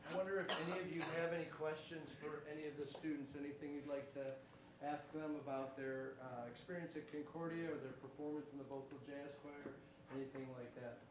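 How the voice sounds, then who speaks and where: A man directing a choir, introducing his singers at a concert in an easygoing, halting way with fillers. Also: a little high, fairly even intonation. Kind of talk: concert emcee remarks. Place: church sanctuary. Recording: echoey church, mic far off, noisy.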